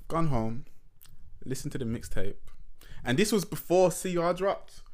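A man's voice: fairly high pitch, animated, a little slow. A young man with a London roadman style of British accent, chatting casually in heavy street slang with emphatic delivery. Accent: urban British, London roadman style. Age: young adult.

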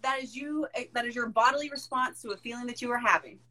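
Brief: woman host, therapist type, casual and animated, peppers speech with "like" and the odd curse. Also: on the high side, quick pace, slight background noise, rough recording. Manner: animated, frequent "like", swears for emphasis. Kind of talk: casual conversation.

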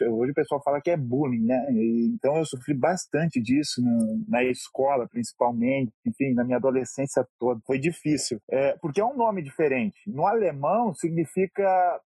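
A man's voice: medium pitch, moderate pace, hardly any pauses, warm tone, husky, dry recording. A Brazilian man in his thirties, a goalkeeper, telling stories in a chatty, laughing way as an interview guest. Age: 30s. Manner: chatty, laughs often, many fillers. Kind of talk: casual interview storytelling.

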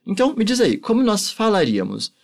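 A male teacher, a native Portuguese speaker, giving a language lesson and patiently drilling phrases slowly for repetition. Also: sits high, wildly swooping pitch, gravelly. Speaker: German teacher.

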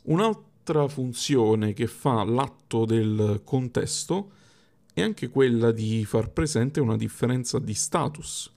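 A man with a noticeably creaky, gravelly edge to his voice talks through his subject as an explainer. His delivery is casual and conversational, and he often rephrases as he thinks aloud. The pitch sits in an ordinary middle range for a man. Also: animated, slow pace, darkish tone. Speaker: wrestling explainer host.

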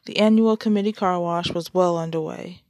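A woman's voice: lowish voice, steady tone, normal speed, darkish tone, no echo, studio quality. A woman hosting her own podcast, chatting casually and then reading a story aloud. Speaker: podcast host and story reader. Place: shared home.

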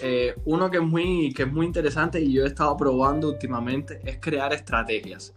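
A man co-hosting a casual chat, relaxed and slangy, laughing easily. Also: on the high side, brisk, faint music behind. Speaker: podcast co-host.

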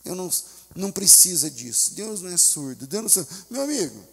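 A man with a Brazilian Portuguese accent preaching a sermon as pastor, swinging from quiet asides to loud preaching shouts and acting out the voices of the people in his stories. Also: high voice, sing-song, brisk, gravelly, breathy edge, big-room sound. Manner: acts out voices of church members and a desperate mother.

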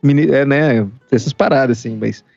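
A man's voice: mid-range voice, moderate pace, creaky, darkish tone, no room sound, lo-fi sound. A Brazilian man chatting casually about music on a podcast, in an informal, slangy way. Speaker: podcast speaker.

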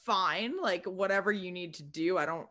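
A woman's voice: on the low side, normal speed, bright, forceful tone. A woman co-hosting a casual chat, talking bluntly with lots of "like" and swearing freely. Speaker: podcast co-host.

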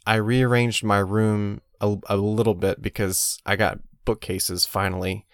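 Lowish-voiced male podcast co-host, casual. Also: little pitch movement, unhurried, smooth, dry recording, studio quality. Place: inside a closet at home. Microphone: podcast microphone.

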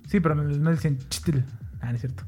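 A man's voice: a little high, brisk, dark tone, faint music behind. A young man with a Mexican Spanish accent in casual chat, swearing, joking and arguing between laughs. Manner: crude slang, laughing, argumentative.

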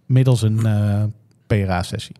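A man's voice: lowish voice, fairly even intonation, normal speed, warm tone. A man, explaining things casually as a consultant on a podcast. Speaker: podcast guest, software testing consultant.

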